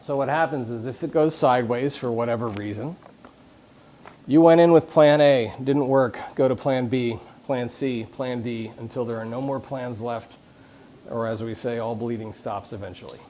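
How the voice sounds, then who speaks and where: A man speaks at normal speed in a mid-range, darkish voice, with a little hiss or hum on the recording. Addressing a live conference audience on leadership, he is conversational and jokey, restarting frequently and asking the audience questions.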